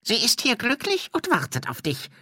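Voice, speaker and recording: A man's voice: very high voice, huge pitch swings, moderate pace, pushed and bright, husky, dry recording, clean studio sound, pitched above the performer's own voice, heavily acted. A man voicing a drunken, thirsty male ghost who whines and dodges questions. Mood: whining. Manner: whining, self-pitying.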